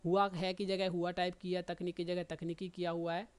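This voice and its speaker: A man's voice: high-pitched, level tone, fairly quick, clear, resonant tone. A man, going through students' stenography test results and correcting their mistakes one by one. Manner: explanatory, corrective, addresses students by name. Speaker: stenography teacher. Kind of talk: result analysis lesson.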